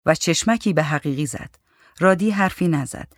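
A narrator reading a short story aloud in a calm, even literary manner. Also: medium pitch, no echo, clean studio sound.

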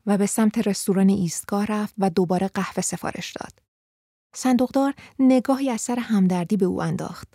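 Brief: female audiobook narrator, calm and measured, gravelly low-lit timbre. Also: no echo, studio quality. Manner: calm, even, measured reading. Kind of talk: audiobook storytelling.

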